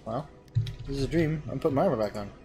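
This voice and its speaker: A man giving relaxed, casual gameplay commentary and reading game text aloud. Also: medium pitch, quick pace, soft background music. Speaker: gamer.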